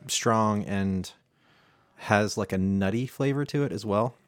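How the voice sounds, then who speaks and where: A man's voice: lowish voice, unhurried, no echo. A man hosting a casual chat, explaining a drink recipe with plenty of fillers and restarts. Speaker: home bartender host.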